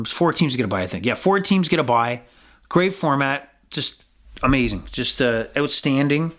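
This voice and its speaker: A man's voice: on the high side, a bit bright. Man, podcast host, casual sports talk, rambling, profane, lots of fillers. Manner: rambling, swears freely, frequent fillers and restarts. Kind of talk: casual sports-betting chat.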